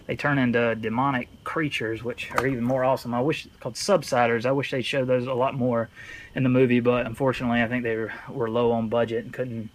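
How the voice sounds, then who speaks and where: A man's voice: mid-range voice, low-quality recording. A man casually reviewing horror movies in a rambling, jokey, slangy way with heavy cursing. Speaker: horror film collector presenting a video.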